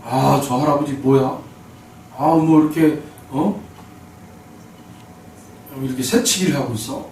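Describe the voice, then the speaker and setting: A man's voice: mid-range voice, unhurried, pauses often, a little mellow, slight background noise, close to an everyday voice. A man voicing a flustered young man who grumbles and then apologizes. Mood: muttering. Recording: very echoey hall, mic at a distance.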